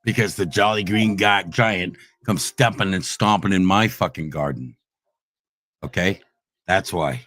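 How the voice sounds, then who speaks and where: A man in a heated, profane livestream rant at online trolls, swinging between shouting and low growls. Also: unhurried, no room sound. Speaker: streamer ranting at online trolls.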